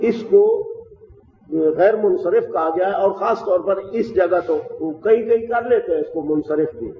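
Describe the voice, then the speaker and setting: A man giving a methodical classroom lecture on Arabic grammar, explaining step by step with frequent pauses. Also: fairly high pitch. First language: Urdu. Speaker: teacher of Quranic Arabic grammar. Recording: distant, dull, roomy hall with faint hiss.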